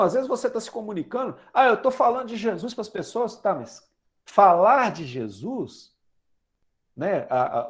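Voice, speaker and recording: A Brazilian man in his forties preaching a chatty sermon, asking the congregation questions and using everyday examples. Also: high-pitched. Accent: Brazilian Portuguese. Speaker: lay preacher. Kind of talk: conversational sermon.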